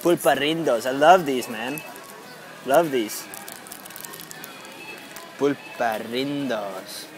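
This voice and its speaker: A man's voice: mid-range voice, drawn-out words, long pauses, music in the background, rough recording. Chatty young man from Estonia. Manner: rambling, chatty, excitable. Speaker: vlogger. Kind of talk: casual vlog narration. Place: large indoor grocery store.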